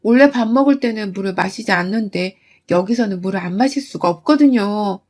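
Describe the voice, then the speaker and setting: A woman calmly recounting a personal story as narration, in a matter-of-fact way. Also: mid-range voice.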